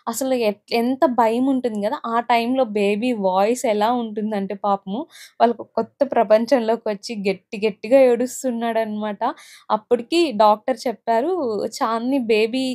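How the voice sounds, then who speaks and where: A woman's voice: fairly high pitch, darkish tone. A young woman with a Telugu accent, heartfelt as she recounts her own experience in a personal vlog. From India. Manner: emotional, heartfelt recounting with many fillers. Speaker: vlogger.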